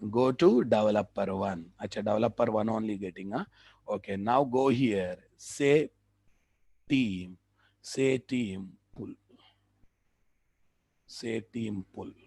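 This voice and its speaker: Speaking with a Telugu Indian accent, a man teaches a live software class, repeating key phrases and making sure his students keep up. His voice is lowish, gravelly and slightly rough, with no echo.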